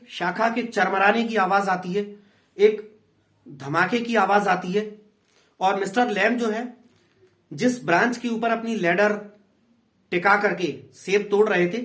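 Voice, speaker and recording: A man's voice: high voice, fairly bright tone. A man with an Indian accent, an English tutor patiently explaining a play in a class lesson. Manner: patient, repeats and explains in two languages.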